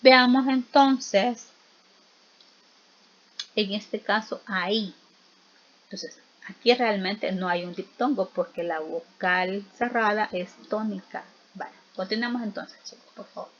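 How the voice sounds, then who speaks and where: Lady teacher walking students through spelling, super slow and patient, kinda muffled audio. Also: mid-range voice. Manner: slow, patient explaining with frequent check-in questions. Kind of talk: spelling lesson.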